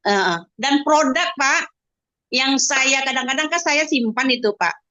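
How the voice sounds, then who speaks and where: High-voiced mom telling her story, earnest, keeps saying sir, dry kinda dull audio. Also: a little slow, bright, forceful tone, no room sound. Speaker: mother giving a testimonial. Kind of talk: emotional interview testimonial.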